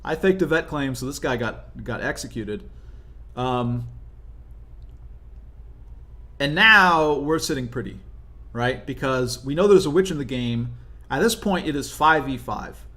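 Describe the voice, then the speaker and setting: A young man talks through a strategy game as he plays, explaining each move in a relaxed, conversational way. His voice sits at an ordinary middle pitch, and he keeps checking in with the listener as he reasons out loud. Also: moderate pace. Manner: conversational, explanatory, frequent "right?" tag questions. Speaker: gaming video commentator. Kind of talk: casual gameplay commentary.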